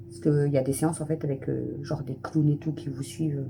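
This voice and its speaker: A woman's voice: low-pitched, level tone, brisk, creaky, noisy background. A woman in her thirties, a family vlogger chatting casually to camera at home, rambling with lots of fillers. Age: 30s. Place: at home, just out of the shower.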